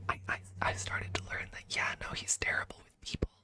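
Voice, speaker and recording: Speaking up close in an airy whisper, this ASMR streamer gently and carefully shares easygoing stories with her audience at the mic.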